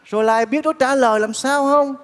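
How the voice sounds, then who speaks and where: An actor playing a kind-hearted bachelor neighbor in a stage comedy, talking in a soft, coaxing, earnest way. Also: male voice, very high-pitched, brisk. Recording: reverberant theater stage, faint music.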